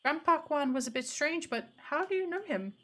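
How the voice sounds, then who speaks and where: A woman's voice: high-pitched, lively intonation, normal speed, a bit bright, pitched above the performer's own voice. A woman voicing a timid, polite young child in a video game. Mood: shy curiosity.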